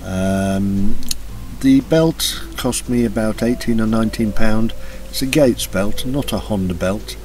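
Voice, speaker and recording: A man narrating a slideshow of his motorbike restoration in a relaxed, hesitant way, with frequent ums and uhs. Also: fairly low pitch, a little slow, slight background noise. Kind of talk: casual voice-over commentary. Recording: voice-over with music playing behind.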